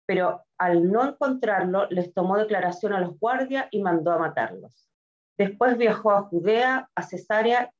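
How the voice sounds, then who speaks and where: A woman reading a scripture passage aloud in a steady, measured way. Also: medium pitch, lo-fi sound. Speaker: scripture reader.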